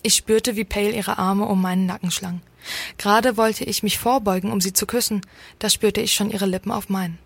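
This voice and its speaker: Husky-voiced woman reading a story. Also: medium pitch, steady tone, fairly quick, dry recording. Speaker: story reader. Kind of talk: scripted story narration.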